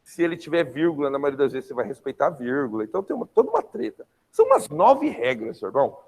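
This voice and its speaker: Slangy, lively Brazilian male teacher. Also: fairly high pitch, quick pace, creaky. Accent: Brazilian Portuguese. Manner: lively, slangy, checks in with students often. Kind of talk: online class lecture.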